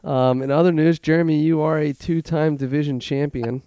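A man's voice: on the high side, fairly even intonation, normal speed, mellow, clean tone, no echo. A man hosting a casual sports talk, asking questions and bantering in a hesitant, wry, teasing manner. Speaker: host of a fantasy football league podcast.

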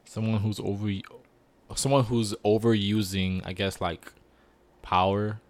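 A young man with a low voice co-hosts a casual podcast. He talks in a laid-back way, often hesitating and starting over. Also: fairly even intonation, measured pace. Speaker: podcast co-host.

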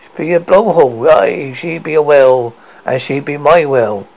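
A man's voice: fairly high pitch, moderate pace, gravelly, rough recording. A man doing a grizzled old sea captain. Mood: gruff insistence. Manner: pirate-style grammar, loud and wild.

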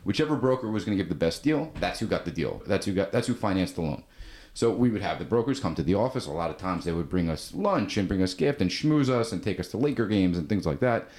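A man's voice: deep voice, animated, fast, darkish tone. A man in his thirties from New Jersey, a podcast guest telling a long story in a casual, rambling way, full of filler words.

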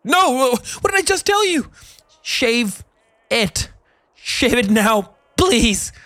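A man's voice: medium pitch, very animated, unhurried, husky, no room sound. A man playing a weary, desperate man in his thirties, pleading urgently in a script reading. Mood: frantic pleading. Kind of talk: comedy script table read.

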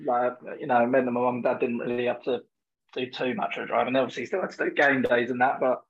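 An Essex-accented man talks very quickly in a matey, colloquial interview chat. His voice sits at a middling pitch, and the recording is slightly dull and lo-fi. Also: flat delivery, slightly rough. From Essex, England. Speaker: podcast guest, former academy footballer.

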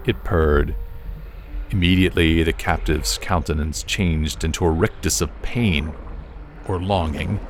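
A man narrating an audiobook in a slow, measured storytelling manner. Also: extremely low pitch, steady tone, faint music behind. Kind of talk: scripted narration.

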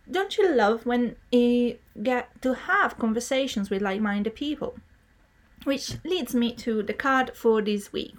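A woman hosting a podcast with scripted narration, in a girlish anime-girl voice and a perky, excitable manner. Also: a little high. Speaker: podcast host.

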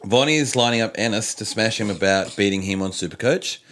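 A man's voice: on the low side, fairly quick, fairly bright tone. Sweary man telling a sports yarn. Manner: swears freely, storytelling. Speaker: podcast co-host. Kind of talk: casual sports chat.

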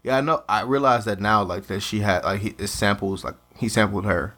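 A man's voice: fairly low pitch, a little fast, fairly bright tone. A young man co-hosting a podcast, talking casually and hesitantly, with many ums. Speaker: podcast co-host. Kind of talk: casual chat.

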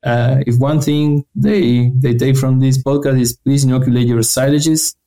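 A young man from Argentina, giving earnest, halting answers as an interview guest. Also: medium pitch, mellow, rough recording. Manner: earnest, halting, restarts phrases. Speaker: guest researcher.

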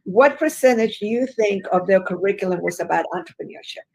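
A woman's voice: medium pitch, expressive, brisk, vocal fry, darkish tone, poor audio. A woman from Chile, a guest in an interview, telling her life story in an earnest, emphatic way with frequent fillers. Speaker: guest, business educator.

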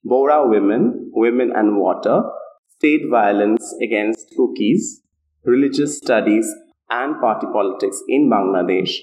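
A man hosting a podcast interview, asking questions in a friendly, halting way with fillers. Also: medium pitch, darkish tone, reverberant, rough recording. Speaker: podcast host. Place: on a university campus.

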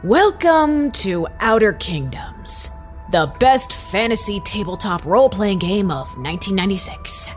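A woman's voice: mid-range voice, lively intonation, unhurried, soft background music, lightly acted, rough recording. A woman playing a game master in an audio drama, narrating theatrically with flustered asides.

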